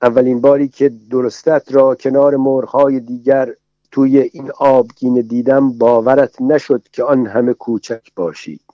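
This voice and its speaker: A man narrating a literary audiobook in a measured, rhythmic reading voice, reciting long passages in an even cadence. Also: medium pitch, dry recording, muffled recording.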